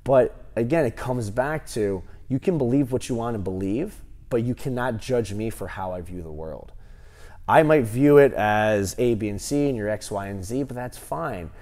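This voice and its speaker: A man in his thirties, a gym owner, answering interview questions with animated stories and lots of fillers, on a lapel mic in a large gym. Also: mid-range voice, normal speed. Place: large empty gym, indoors.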